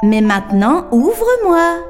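A gentle storybook mother coaxes softly in a high, unhurried voice, as a woman plays her. Faint music runs underneath. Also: sing-song, full character voice. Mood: coaxing. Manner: soft and coaxing, sing-song rhyme. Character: gentle coaxing mother behind a door.

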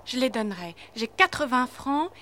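A woman's voice: on the high side, very animated, normal speed, pushed and bright. A woman voicing a poor young widowed mother who earnestly begs an innkeeper to keep her child. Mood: pleading. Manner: earnest, imploring. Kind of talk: audio drama acting.

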